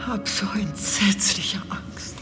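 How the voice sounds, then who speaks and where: A woman's voice: medium pitch, slow pace, close to an everyday voice. An actress playing a frightened, overly dramatic young woman in a horror radio play, with music behind her. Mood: terrified. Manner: fearful, dramatic, pleading.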